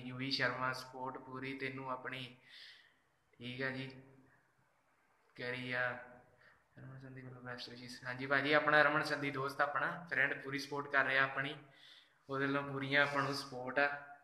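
A man speaks into his phone on a casual live stream, greeting fans by name and thanking them. His voice is sharp and bright, and he keeps it level with little rise and fall. The room around him adds a clear echo. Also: mid-range voice, monotone, normal speed, pauses often. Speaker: social media singer doing a live fan chat. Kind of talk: live stream chat reading fan messages.

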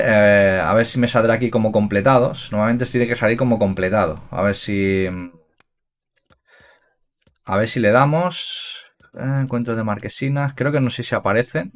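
Gaming host, man, excitable and profane, rambling casual commentary. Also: mid-range voice. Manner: excitable, swears freely, talks in bursts with many fillers. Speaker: gaming youtuber.

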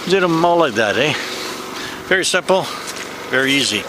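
A man's voice: on the high side, lively intonation, moderate pace. A middle-aged man, chatty and folksy, jokes while narrating his own building work at an outdoor hangar, recorded on the camera he holds. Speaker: hobby pilot building hangar doors. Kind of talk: casual how-to narration while working. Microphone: handheld or head camera mic. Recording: noisy outdoor camera audio.

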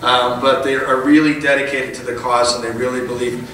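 A man's voice: mid-range voice, little pitch movement, a little fast, a bit bright, far from the mic, a little hiss or hum. Man giving a rally speech, echoey hall. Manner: folksy, rousing, rising to emphatic peaks. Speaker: politician. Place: large indoor function hall. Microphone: podium mic, recorded by a far camera.

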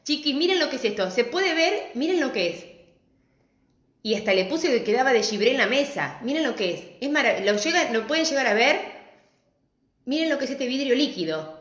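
A middle-aged woman with an Argentine accent, teaching a live-stream craft class and greeting viewers warmly and chattily. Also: high voice, expressive, brisk. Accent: Argentine Spanish. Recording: echoey room.

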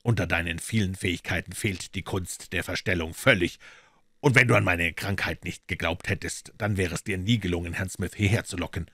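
Brief: wry brilliant detective, low and composed, read by a male narrator. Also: dry recording, clean studio sound, exaggerated voice. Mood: explaining. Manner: calm, measured.

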